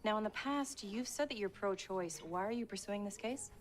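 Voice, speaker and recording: An actress playing a pushy, cheeky young blogger-reporter in a naturalistic TV drama. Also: female voice, mid-range voice, normal speed, soft background music, lightly acted. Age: young adult. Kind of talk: naturalistic film acting.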